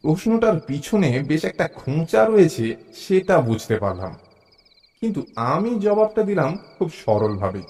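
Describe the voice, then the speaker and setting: With a fairly high-pitched male voice and a measured pace, an actor tells a suspense audio story expressively as a curious, mild, observant traveler. There's music in the background.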